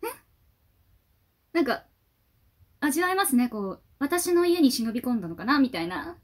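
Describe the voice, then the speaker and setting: A woman YouTuber giving casual fan reaction commentary on a music video, gushing and excitable, talking half to herself. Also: on the high side, normal speed.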